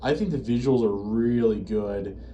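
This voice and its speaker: This American man, who reviews horror series in videos, speaks at normal speed in a fairly low, dark-toned voice as he rambles, hesitates, and corrects himself. The highs are cut off and there's slight background noise.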